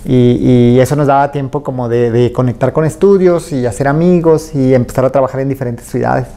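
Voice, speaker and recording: A man with a Mexican Spanish accent, a tattoo artist being interviewed. He tells his story in a relaxed, rambling way, full of fillers and acted-out quotes. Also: medium pitch, a little fast.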